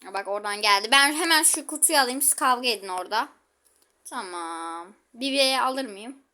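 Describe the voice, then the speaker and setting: A woman's voice: fairly high pitch, sharp tone. A woman giving chatty gameplay commentary, exclaiming and talking to her viewers while she plays. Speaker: gaming channel host.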